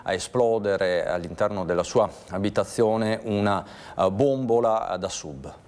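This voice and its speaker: A man presenting the news as studio anchor in a measured way. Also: on the low side, a little mellow.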